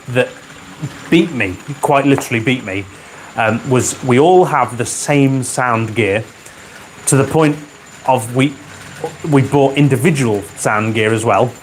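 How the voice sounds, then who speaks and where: A man hosting a casual livestream from his garage, reading viewer comments with dry humor and often clearing his throat, wearing a microphone. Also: mid-range voice, slight background noise, rough recording. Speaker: livestream host. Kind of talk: casual live chat. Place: home garage with a model railway layout.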